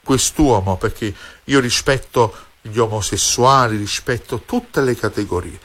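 A man's voice: medium pitch, measured pace, fairly bright tone. A man with a Neapolitan accent talking bluntly and insistently as a fortune-telling host on a live call-in show, slipping into dialect and repeating himself. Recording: music behind the voice.

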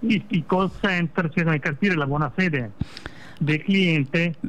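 A man speaks on speakerphone through a muffled phone line. His voice sits slightly high, and he explains things carefully, often starting a sentence over. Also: measured pace, a bit bright. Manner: careful explanatory tone with frequent restarts. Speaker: lawyer. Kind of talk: phone-in guest on a talk show. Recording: dull phone-line sound.

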